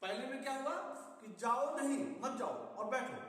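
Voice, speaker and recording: High-voiced man teaching in an echoey classroom. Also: moderate pace, a bit bright. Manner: asks the class questions and answers them himself. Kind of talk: classroom lesson explaining a story. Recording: echoey classroom recorded from far off.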